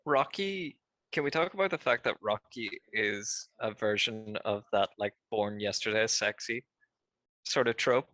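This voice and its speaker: A man's voice: fairly low pitch, unhurried, pushed and bright, no room sound. A man co-hosting a podcast in casual chat, adding joking asides and comparisons. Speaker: podcast co-host.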